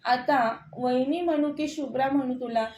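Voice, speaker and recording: A woman's voice: high-pitched, fairly even intonation, normal speed, darkish tone, slight background noise. A woman voicing a cheerful, eager young college student, in an echoey room. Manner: bubbly and eager.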